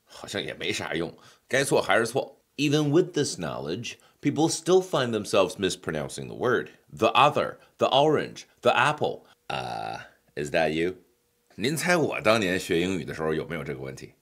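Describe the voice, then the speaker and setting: A man's voice: deep voice, huge pitch swings, moderate pace. A middle-aged man narrating a pronunciation lesson, joking with the viewer in playful asides. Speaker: English pronunciation teacher. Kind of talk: scripted lesson voice-over.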